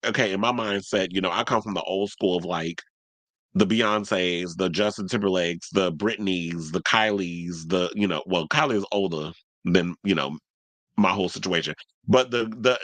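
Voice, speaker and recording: Stuffy-nosed from allergies, a male gossip podcast host riffs on celebrities in casual solo commentary, speaking bluntly and chattily and swearing a lot. His voice is lowish and a bit bright, with no room sound.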